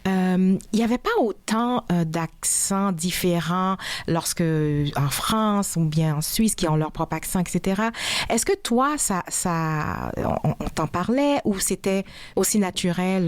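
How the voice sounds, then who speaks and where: A woman hosts a radio interview from a studio. She asks her questions haltingly, with many pauses. Her voice is close and dry, with no room sound. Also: fairly low pitch, no room sound. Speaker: radio host. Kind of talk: interview conversation.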